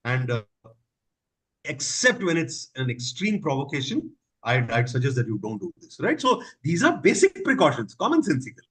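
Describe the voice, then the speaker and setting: A man's voice: medium pitch, huge pitch swings, normal speed, fairly bright tone, low-quality recording. A man answering audience questions in an online session, advising with stressed key words over a video call.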